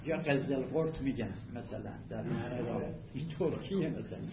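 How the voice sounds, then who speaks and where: A man teaching a class on a classical text, reading passages aloud and then explaining them word by word in a measured way. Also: medium pitch, vocal fry, a loud crowd. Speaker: teacher of Arabic rhetoric. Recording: echoey room, slightly dull lo-fi audio.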